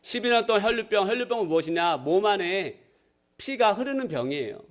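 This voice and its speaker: A male pastor delivers a Sunday sermon in a church sanctuary, speaking in a high register. He jokes lightly with the congregation and breaks into small acted voices for the people in his anecdotes. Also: lively intonation, brisk. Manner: playful, acts out voices in anecdotes.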